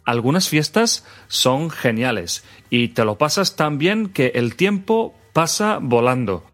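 A man from teaching phrases in a scripted podcast lesson, repeating them clearly. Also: medium pitch, sing-song, slow, a bit bright, soft background music. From Spain. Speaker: language teacher, co-host.

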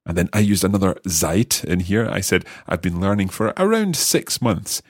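A man's voice: low-pitched, sing-song, normal speed, no echo, clean studio sound. A man from Scotland, co-hosting a language lesson as a learner and translating phrases step by step. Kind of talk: casual lesson talk.

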